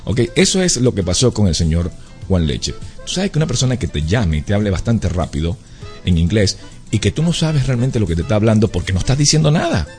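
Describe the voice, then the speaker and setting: Deep-voiced, animated radio host man. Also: brisk, soft background music. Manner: animated, addresses listeners directly, repeats points. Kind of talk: chatty live radio talk.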